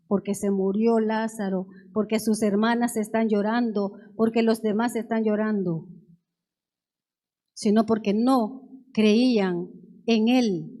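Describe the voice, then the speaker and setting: A woman preacher reads scripture aloud in a church, verse after verse, pausing to explain each one earnestly. Her voice sits high and she takes her time, letting each phrase land slowly. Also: a little mellow. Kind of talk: sermon with Bible reading.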